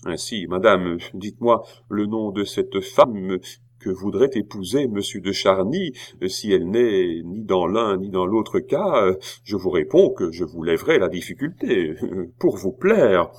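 A man's voice: sits low, animated, measured pace. A man reading the part of a stern, suspicious middle-aged king who presses with cold questions. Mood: pressing. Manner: probing, coldly insistent.

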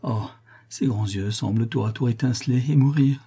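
A tormented notary in a fevered delirium, his cries climbing high and shrill, as a man acts him out. The voice underneath is dusky and husky, pushed to frantic outbursts in a storybook reading. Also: moderate pace, mellow, close to an everyday voice. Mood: rapturous. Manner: frenzied, shrill outcries. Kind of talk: audiobook character reading.

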